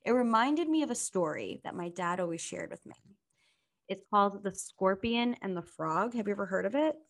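A woman's voice: medium pitch, lively intonation, normal speed, gravelly. Young woman podcast host, casual gossipy chat, tells stories, laughs a lot. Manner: chatty, storytelling, laughs often. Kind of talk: casual chat recapping a reality show.

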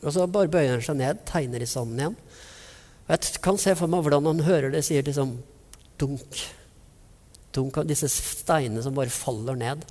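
A man's voice: fairly high pitch, darkish tone. Man preaching in a reverberant hall. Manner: vivid storytelling, acting out the people in the story. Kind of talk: sermon. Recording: long reverb of a large hall.

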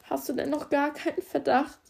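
A grieving middle-aged mother, tearful and pleading, her voice pitched high and strained, as a woman reads her in an audiobook. She sounds mellow in tone but loud and pushed. Her questions climb upward in distress. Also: little pitch movement, normal speed, vocal fry. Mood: anguished.

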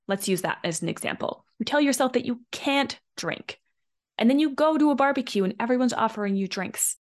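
A woman hosting a solo podcast as a coach, talking in a chatty, animated way and acting out short quoted lines. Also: on the high side.

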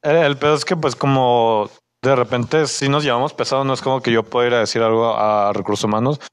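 A man's voice: medium pitch, brisk, clear, resonant tone, dry recording. A young man with a Mexican accent, casually telling a work story and acting out his coworkers' lines. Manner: animated, acts out coworkers' lines in raised voices; uses Mexican slang.

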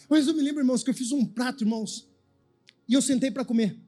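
A man with a Brazilian Portuguese accent preaching a sermon as a pastor. He tells a story quietly, then breaks into a sung, shouting preaching cadence. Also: very high-pitched, sing-song, normal speed, faint music behind.

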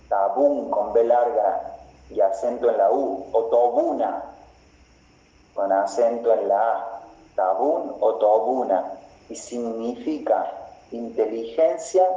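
A man preaching a sermon as pastor, slow and deliberate, repeating phrases for emphasis. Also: on the low side, warm tone. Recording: roomy, slightly dull recording.

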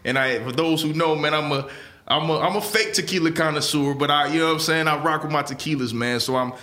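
Man, podcast host, casual interview, bright forward voice, laid-back filler-heavy talk. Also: on the high side, quick pace. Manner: laid-back, repeats "man" and "you know what I'm saying".

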